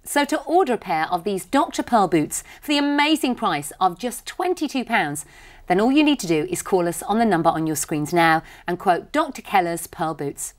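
A woman's voice: mid-range voice, animated, moderate pace. A middle-aged British woman hosting a shopping channel, delivering upbeat scripted sales patter in a studio. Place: TV studio lounge set.

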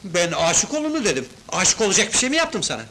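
An actor playing a reluctant new husband who speaks in a hesitant, prim way in an old film. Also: male voice, high voice, very animated, fast, sharp tone, slight background noise, full character voice. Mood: flustered. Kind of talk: 1970s film dialogue. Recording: old film soundtrack with music behind.

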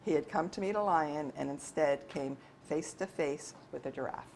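A woman's voice: deep voice, moderate pace, a little mellow, slight background noise. Woman author reading her novel aloud. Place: bookstore event.

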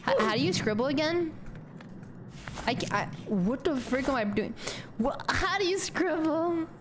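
A young woman streaming a game, chatting to her viewers, giggling and filling pauses with "um". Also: high-pitched, background noise. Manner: talks to chat, animated, giggly, mumbles "um" often. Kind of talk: casual gameplay commentary.

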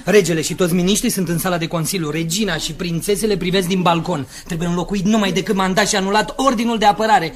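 An actor playing Fabre, a hurried male revolutionary messenger, in a 1970s radio drama. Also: high voice, natural voice. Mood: urgent. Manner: hurried, urgent.

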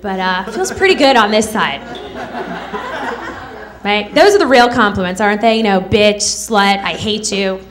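A woman's voice: medium pitch, moderate pace, pauses often, a crowd in the background. A woman in her thirties performing a stand-up set on a club stage into a handheld mic, with a sarcastic, snappy delivery. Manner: sarcastic, snappy delivery with mocking character voices. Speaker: stand-up comedian.

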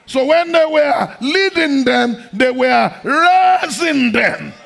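High-pitched gravelly male preacher. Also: animated, slow. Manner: fervent, repetitive, often breaking into shouts. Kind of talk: sermon. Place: large church hall, seated on stage.

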